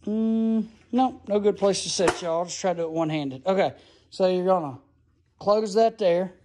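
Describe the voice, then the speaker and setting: Man, high voice, enthusiastic rambling, handheld phone recording. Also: normal speed, noisy background. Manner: enthusiastic, folksy, rambling explanations. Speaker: tool reviewer. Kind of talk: casual phone-filmed tool review. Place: outdoors in a gravel yard, then a garage. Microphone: phone camera held in hand.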